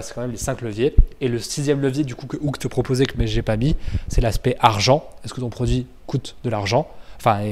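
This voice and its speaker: Male trainer, conversational explainer; loose delivery, frequent self-corrections, average pitch. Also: noisy background. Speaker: business trainer. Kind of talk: casual explanatory lesson.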